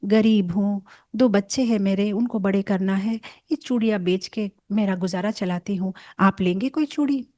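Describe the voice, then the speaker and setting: A woman's voice: moderate pace, hardly any pauses, no echo, lightly acted. A woman doing a fiery young cowherd girl. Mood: eager. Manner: scolding, excited, high.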